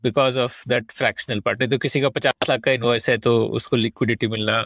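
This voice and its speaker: A man's voice: medium pitch, steady tone, racing, a bit bright, a little hiss or hum. A man asking casual interview questions, switching between two languages. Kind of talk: casual interview questioning, mixing English and Hindi.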